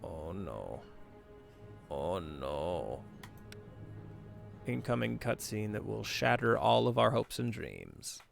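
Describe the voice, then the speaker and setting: With game music in the background, a gaming host reads in-game text aloud in a lowish, creaky voice full of pitch swings. He takes it slowly, leaving long pauses and muttering offhand remarks to himself.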